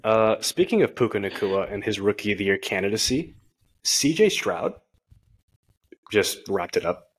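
A man's voice: lowish voice, lively intonation, moderate pace, husky, rough recording. A man co-hosting a sports podcast, chatting casually and rambling with lots of fillers. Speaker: podcast co-host.

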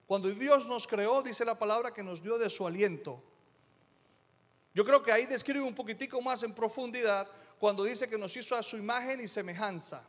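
A middle-aged man preaching a sermon as pastor, emphatic, moving between quiet asides and loud declarations. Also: high voice, moderate pace, big-room sound.

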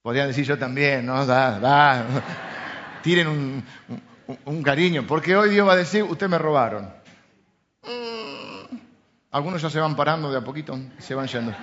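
Emphatic Rioplatense pastor preaching. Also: male voice, a little high, moderate pace, slight background noise. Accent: Rioplatense Spanish. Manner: shifts from loud emphatic preaching to soft intimate asides. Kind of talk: sermon. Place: church. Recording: slightly dull lo-fi sound.

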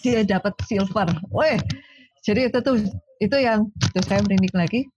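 A woman, a sports psychologist telling lively stories in a casual interview. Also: medium pitch, normal speed, slightly rough, highs cut off. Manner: animated storyteller, acts out quoted dialogue.

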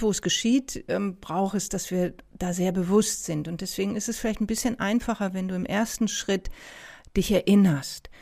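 A woman therapist speaking gently, with many pauses and restarts, asking the listener reflective questions. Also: medium pitch, creaky. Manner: addresses listener directly with questions. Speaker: somatic experiencing therapist. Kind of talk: reflective coaching talk.

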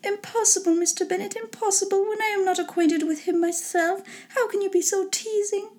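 Woman playing a shrill, fretful, excitable storybook mother. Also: fairly quick. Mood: exasperated. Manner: shrill, complaining, gushing, exclamatory. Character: fretful, excitable middle-aged mother with frayed nerves. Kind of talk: storybook character reading.

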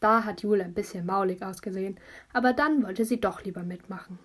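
A woman narrating a children's audiobook in a lively storytelling voice, telling it as a child would. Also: mid-range voice, a little fast, husky.

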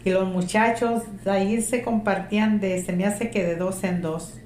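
A middle-aged woman telling her grown child about her childhood in a casual family interview, with a strong voice and a lively way of acting out remembered conversations. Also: medium pitch, moderate pace. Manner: animated, strong voice, acts out remembered dialogue. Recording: echoey room with faint ambient noise.

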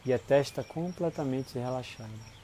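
A man with a Brazilian Portuguese accent leads a guided relaxation in a soothing, unhurried manner, leaving long pauses between short phrases. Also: mid-range voice, background noise. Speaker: guided meditation instructor. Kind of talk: guided body-scan relaxation.

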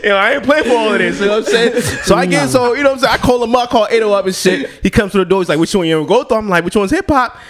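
A man's voice: high-pitched, racing, few pauses. A man in his thirties hosting a casual chat, telling stories in a joking, slangy way. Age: 30s. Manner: animated, joking, slangy storytelling. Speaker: podcast host.

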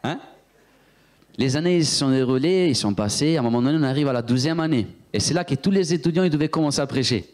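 Man, preacher, sermon, lively storyteller, talks straight to the congregation. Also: on the high side, fast. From Italy. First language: Italian. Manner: animated storyteller, acts out voices, talks to the congregation. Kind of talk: sermon with personal testimony.

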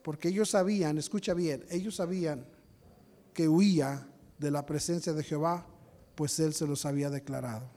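A man preaching a sermon as a pastor, telling stories, acting out what people said and building to loud peaks. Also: on the high side, normal speed. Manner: storytelling, acts out quotes, rises to shouting peaks.

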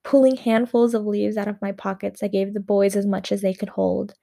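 A woman narrating a personal story in the first person, in a gentle, unhurried way. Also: mid-range voice, little pitch movement, vocal fry, no echo, clean studio sound.

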